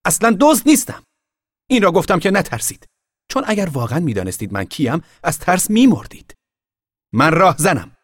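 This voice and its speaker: A man voicing a defiant, boastful boy in an audiobook, shouting his claims. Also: medium pitch, huge pitch swings, breathy edge, dry recording, studio quality, pitched above the performer's own voice, heavily acted.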